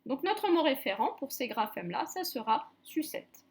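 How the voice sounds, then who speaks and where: A woman's voice: sits high, sing-song, moderate pace, gravelly, a little mellow. A woman teacher giving a recorded reading lesson to young children, patiently spelling out letters one by one. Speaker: primary school teacher.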